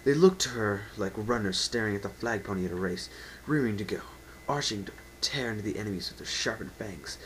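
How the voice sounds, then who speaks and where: In an amateur home recording with faint background noise and low quality, a man with a fairly low, somewhat bright voice reads a story dramatically. He's expressive, fairly quick with few pauses, and his theatrical, emphatic delivery is unpolished and unedited.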